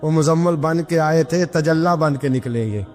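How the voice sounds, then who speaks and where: This is Islamic sermon storytelling from a man in an echoey hall, with music in the background. He narrates religious stories with lively energy, acting out the speakers he quotes through big rises and falls in his voice.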